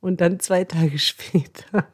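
A woman's voice: on the low side, fairly even intonation, slow, breathy edge. A woman coach telling a story in a chatty podcast monologue, with fillers and laughter.

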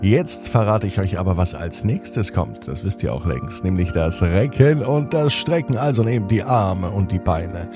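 Low, lively bedtime storyteller man. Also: a little slow, few pauses, over music. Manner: gentle, addresses children directly. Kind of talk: bedtime story narration for children.

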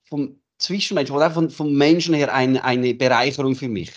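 Man interviewer, mid pitch, attentive, affirming, muffled recording. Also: fairly even intonation, normal speed. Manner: attentive, frequent affirming murmurs. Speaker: interviewer, coach. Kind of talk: interview questions.

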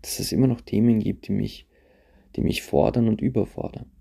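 Man, podcast host, low gravelly voice, husky, reflective monologue with restarts. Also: steady tone, dark tone. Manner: reflective, halting, repeats phrases. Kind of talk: personal monologue to listeners. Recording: handheld phone, voice drifts off-mic at times.

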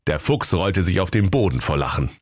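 Brief: deep male narrator for a funny fairy tale, very animated, dry close-miked. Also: dry recording. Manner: lively, playful storytelling.

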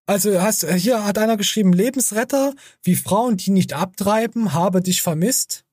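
Male podcast host, crude and sarcastic, husky voice, dry close sound. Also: high voice, normal speed, darkish tone, no room sound. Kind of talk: casual podcast chat.

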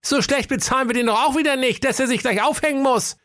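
A man voicing a dim-witted, easygoing fairy-tale brother in a high, whiny, fussy voice. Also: fast, fairly bright tone, no room sound, clean studio sound. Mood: flustered, whiny. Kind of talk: comic radio fairy-tale acting.

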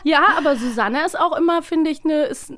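A German voice actress who co-hosts a podcast speaks in a brisk, high-pitched voice. Chatting casually, she often rambles and breaks off sentences midway to rephrase them.

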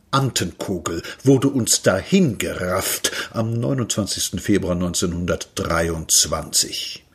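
A man reading a literary story aloud in a wry, lively storytelling manner. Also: lowish voice, breathy edge. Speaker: reader.

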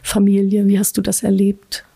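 A woman's voice: medium pitch, monotone, moderate pace, creaky, husky. A woman hosting a podcast, asking questions in an encouraging way. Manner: warm encouraging questions, laughs often. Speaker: podcast host. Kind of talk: casual interview talk.

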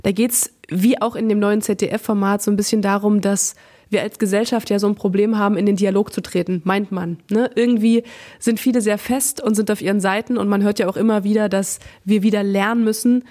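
A woman's voice: medium pitch, steady tone, brisk, warm tone. A woman in her thirties, a radio and TV presenter, chatting frankly and casually as a podcast guest, with many fillers and slang words. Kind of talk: casual interview chat.

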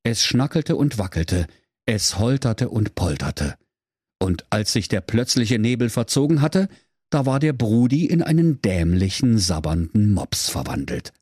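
Guy reading a silly fairy tale, mock serious, very lively up and down. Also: on the low side, measured pace, slightly rough, dry recording, clean studio sound. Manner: mock-solemn storyteller tone. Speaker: radio comedian. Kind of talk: comic fairy tale narration.

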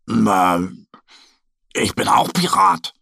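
A man's voice: fairly low pitch, very animated, very slow, gravelly, pushed and bright, husky, dry recording, studio quality, heavily acted. A man voicing a cheerful, dreamy little male bear cub in a children's storybook, with a friendly, playful manner.

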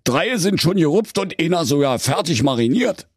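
A scruffy, jolly gang of male drinkers from a comic storybook, voiced by a man. The voice is lifted and lively, with a husky edge. They sound slurry and good-natured. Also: fairly high pitch, moderate pace, no room sound, studio quality, pitched above the performer's own voice. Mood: jovial. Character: boozy cheerful male street drinkers, scruffy.

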